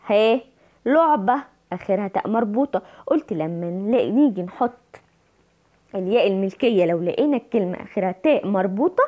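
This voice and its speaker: A woman's voice: mid-range voice, highs cut off. A woman with an Egyptian Arabic accent teaching young children, stretching out words and answering her own questions. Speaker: primary school Arabic teacher. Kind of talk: online lesson for young children.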